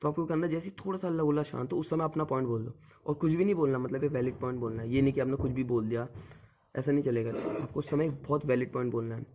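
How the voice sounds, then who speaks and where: Over slight background noise, a young man talks rapid-fire in a medium-pitched, darkish voice. As an exam coach, he delivers casual, no-nonsense tips on group discussions and keeps returning to the same filler word.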